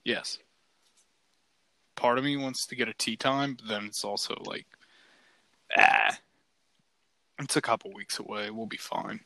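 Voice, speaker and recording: A man with a bright, crisp voice chatting as a podcast co-host. He rambles easily and leans on "like" as filler. The sound is dry and close. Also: fairly low pitch, a little slow, long pauses, no room sound, low-quality recording. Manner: relaxed, rambling, heavy use of "like". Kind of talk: casual chat.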